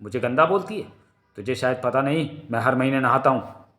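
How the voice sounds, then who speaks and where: A man voicing a bad-tempered wolf-kin man with a tail, rough and scolding, in a comic reading. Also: medium pitch, expressive, fairly quick, a bit bright, lightly acted. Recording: roomy echo.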